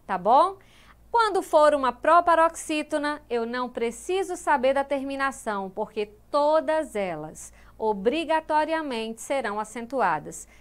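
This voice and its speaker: A woman's voice: high voice, a bit bright, clean tone. A woman teacher giving a grammar lesson, explaining step by step and voicing the students' questions before answering them. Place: studio of an educational channel.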